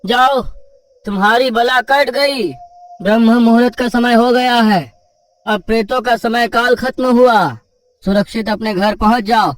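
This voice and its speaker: A man's voice: very high voice, voice pushed up. Man playing a reassuring devout rescuer. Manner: reassuring, commanding. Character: calm mysterious rescuer man, kindly and devout. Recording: distant mic with loud music.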